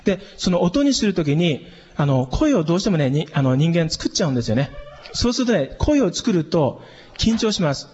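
A man leading a calm vocal training lesson, explaining relaxation and demonstrating long, breathy exhalations. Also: on the high side, a little fast, a little hiss or hum. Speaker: voice and breathing instructor. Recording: long reverb, dull lo-fi sound.

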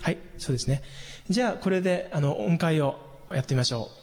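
A man teaching a singing lesson, explaining patiently and calmly, with hummed demonstrations. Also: on the high side, fast. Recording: long hall reverb.

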